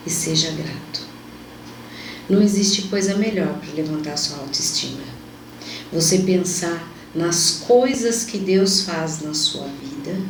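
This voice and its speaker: A woman guest who works as a hairdresser, giving calm, unhurried advice in an interview. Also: fairly low pitch. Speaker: hairdresser and hair therapist guest. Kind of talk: interview answers. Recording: echoey room, mic at a distance, faint background hum.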